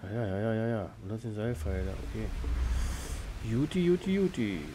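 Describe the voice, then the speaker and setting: A man's voice: lowish voice, sing-song, moderate pace, noisy background. A man thinking aloud in casual, slangy gameplay commentary. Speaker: let's play host. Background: game ambience.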